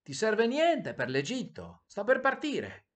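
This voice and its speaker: A man voicing a tender female swallow in a storybook tale, with a high, eager voice. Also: normal speed, gravelly. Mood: cheerful calling.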